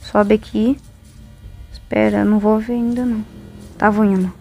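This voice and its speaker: A woman's voice: medium pitch, little pitch movement, moderate pace, gravelly, darkish tone, soft background music. A woman with a Brazilian accent giving casual, exclamatory, complaining commentary as a gamer playing along.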